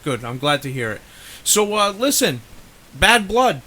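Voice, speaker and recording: A man co-hosting a wrestling podcast in casual chat, excitable and swearing freely. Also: on the high side, a little slow. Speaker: podcast co-host.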